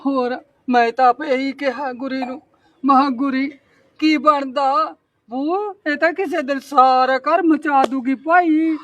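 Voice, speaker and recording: A woman playing a scolding, suspicious older mother-in-law in a comic family sketch, shrill and nagging. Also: steady tone, takes it slowly, no echo, lo-fi sound. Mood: complaining. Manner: shrill nagging, wailing complaints.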